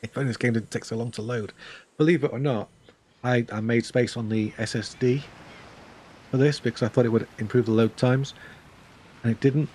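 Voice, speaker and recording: A man's voice: medium pitch, fairly even intonation, normal speed, long pauses, a little mellow, a little hiss or hum. An older man chatting casually on a game stream, rambling with dry, self-mocking humor. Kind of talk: casual live-stream chat.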